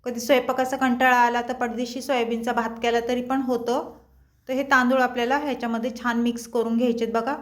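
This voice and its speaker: High-voiced woman demonstrating a home recipe. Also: little pitch movement, brisk. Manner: chatty, addresses viewers as friends. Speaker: cooking channel host.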